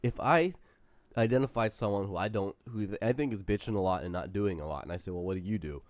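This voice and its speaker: A man's voice: lowish voice, fast, no room sound. A man co-hosting a casual podcast chat, joking and laughing often. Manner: animated, jokey, laughs often. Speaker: podcast co-host.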